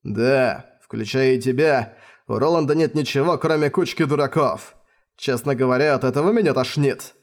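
A man's voice: medium pitch, normal speed, close to an everyday voice. A man voicing an arrogant, scornful male commander who barks orders in an audiobook.

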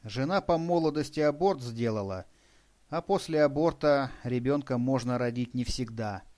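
A man narrating an audiobook in a steady, even storytelling read. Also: medium pitch, normal speed. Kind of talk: scripted narration.

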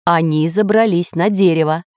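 A woman's voice: on the low side, moderate pace, a little mellow, no echo, clean studio sound, natural voice. A woman voicing a talking mirror reflection in a storybook reading, answering hesitantly. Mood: uncertain. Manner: hesitant, uncertain.

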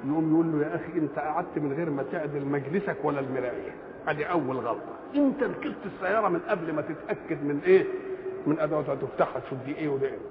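Older man, Egyptian accent, animated rhetorical questions, fairly high voice, lo-fi phone-like sound, noisy. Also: racing. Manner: animated, asks rhetorical questions and answers them. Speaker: Quran commentator. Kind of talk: colloquial religious lesson. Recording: tinny lo-fi recording in echoey hall.

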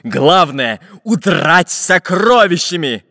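A man voicing a fat, potbellied, greedy pirate captain with a gruff, barking manner. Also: high-pitched, big pitch swings, slow, pushed and bright, no echo, clean studio sound, pitched above the performer's own voice, heavily acted. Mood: bossy.

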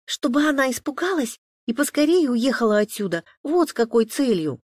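A man's voice: extremely high pitch, big pitch swings, a little fast, no room sound, clean studio sound, pitched above the performer's own voice, heavily acted. A man doing a defiant, blurting young girl. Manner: blurting, argumentative.

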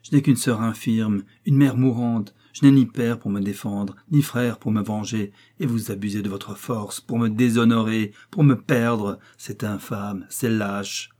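A man's voice: lowish voice, fairly even intonation, a little slow, few pauses, warm tone. A man voicing a poor young woman, desperate. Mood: pleading. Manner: pleading, then crying out shrilly.

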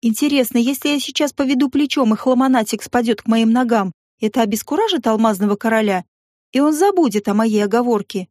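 A woman narrating a first-person audiobook in a lively, wry, ironic manner. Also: a little high, brisk, dry recording, clean studio sound.

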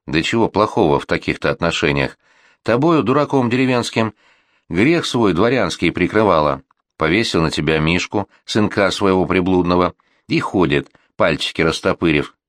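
A man's voice: deep voice, lively intonation, normal speed, dry recording, studio quality. A man voicing a bitter, reproachful old village grandmother in an audiobook reading, with a scolding, folksy manner. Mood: scornful. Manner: scolding, complaining, folksy speech.

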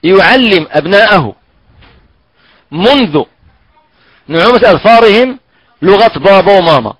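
A man teaching Quran recitation in a halting way, often stretching out syllables slowly to demonstrate how they are pronounced. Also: sits high, expressive, a bit bright, dry recording, low-quality recording. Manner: halting, repeats and drags out sounds to demonstrate pronunciation. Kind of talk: recorded online tajweed lesson.

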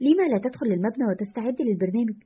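A woman's voice: a little high, animated, very fast, breathy edge, dull audio. A woman reading an earnest young male radio producer. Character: young man, eager deferential radio show producer.

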